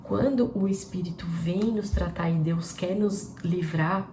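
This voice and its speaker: Low, warm-voiced woman preaching conversationally. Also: measured pace. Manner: conversational, rhetorical questions to viewers. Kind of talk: devotional talk to a live audience. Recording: roomy with faint background noise.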